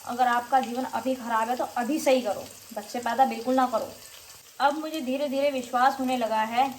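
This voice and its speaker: A young woman talks to camera in a casual home vlog, frank and plain-spoken. Her voice sits a little high for a woman. Faint background noise and kitchen sounds run behind her. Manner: frank, scolding children at times. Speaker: vlogger and mother. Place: home in northern India.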